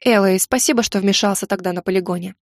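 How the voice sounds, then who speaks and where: A woman reading an audiobook gives voice to a proud young witch, sarcastic and quick to snap back. Her tone sits close to the narrator's own, recorded dry and close. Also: mid-range voice, no room sound, natural voice. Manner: sarcastic, snapping. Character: young witch heroine, sharp-tongued, proud.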